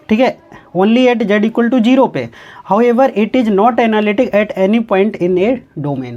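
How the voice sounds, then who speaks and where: A male maths teacher with a warm, mellow tone gives a recorded exam-prep lecture. He keeps firing little questions at his students and answering them himself. When he reads out a formal definition, he slows to a careful word-by-word pace. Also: high voice. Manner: asks and answers its own quick questions; repeats key points, often says "ठीक है". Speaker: mathematics teacher.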